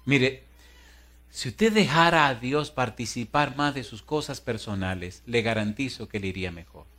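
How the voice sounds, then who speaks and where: A middle-aged man preaching a sermon as pastor, animated and humorous, moving from hushed asides to loud exhortation. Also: medium pitch, moderate pace. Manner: humorous storytelling.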